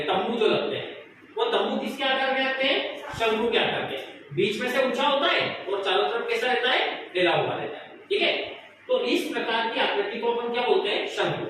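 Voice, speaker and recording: A male teacher giving a classroom lesson, asking the pupils questions and answering them himself. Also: extremely high pitch. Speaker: math teacher. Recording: echoey room, noisy, from far off.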